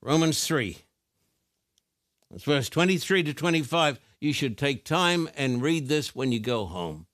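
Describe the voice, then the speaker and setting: A man preaching a sermon on television, his voice pitched a little high. He reads scripture in a slow, deliberate, emphatic way and addresses the viewers at home directly. The studio sound is dry and close. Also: lively intonation, fairly bright tone, dry recording.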